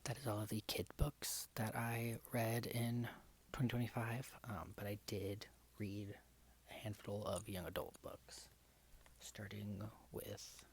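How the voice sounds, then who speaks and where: A camera-shy man at home talking quietly in a whispered ASMR-style book vlog, rambling and correcting himself as he goes. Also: on the low side, little pitch movement, unhurried, gravelly, slight background noise. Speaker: book vlogger. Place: home, indoors. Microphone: desk microphone in front of a camera.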